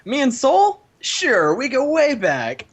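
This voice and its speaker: A man's voice: very high voice, wildly swooping pitch, slow pace, full character voice. A man voicing a cheerful young male best friend in an amateur voice drama, bubbly and chatty.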